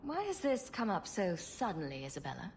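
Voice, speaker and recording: A woman's voice: fairly low pitch, very animated, a little fast, darkish tone, slight background noise. A dry-witted female hero. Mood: probing. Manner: dry, sarcastic.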